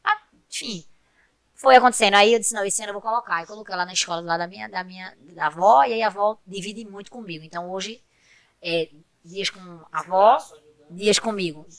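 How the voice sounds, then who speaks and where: Speaking fairly quickly in a mid-range voice, this podcast guest from Pernambuco, Brazil, tells heartfelt stories from her own life. The chat is casual, and she frequently turns to speak directly to listeners.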